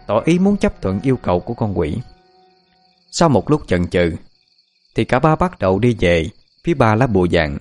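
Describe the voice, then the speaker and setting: A man's voice: fairly low pitch, darkish tone. A man with a southern Vietnamese accent reading a scripted horror story as a dramatic narrator. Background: faint music.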